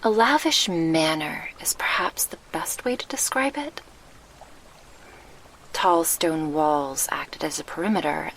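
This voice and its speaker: A woman voices a gentle, wistful succubus guardian mourning her lost past in an ASMR roleplay recorded close on a binaural microphone. Her fairly low, soft, exaggerated voice carries a gravelly creak beneath measured, old-fashioned diction, with faint background noise and poor audio.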